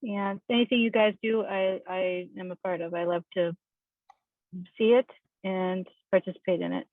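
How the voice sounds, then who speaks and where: Female special ed teacher, eager, flat tone, phone-like dry audio. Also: mid-range voice, moderate pace, no echo. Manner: eager, repeating words. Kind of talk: self-introduction on a video call. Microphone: video call.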